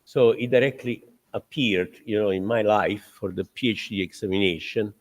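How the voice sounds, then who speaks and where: Halting older man introducing. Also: on the low side. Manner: halting, many filler pauses, chuckles through anecdotes. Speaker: professor introducing the guest lecturer. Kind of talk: formal lecture introduction.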